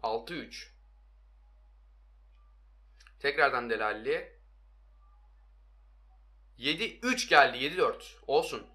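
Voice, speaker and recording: A young man giving excitable, hoarse-voiced commentary on his own mobile football game, talking to his viewers and shouting at his players. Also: medium pitch, slow pace, long pauses. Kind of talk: live gameplay commentary.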